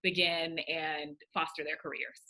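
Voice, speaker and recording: Upbeat young woman guest, bright voice, slightly low pitch, emphatic delivery. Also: level tone, measured pace. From Houston, Texas. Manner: upbeat, emphatic, laughs easily. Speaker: podcast guest, career coach. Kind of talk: interview conversation.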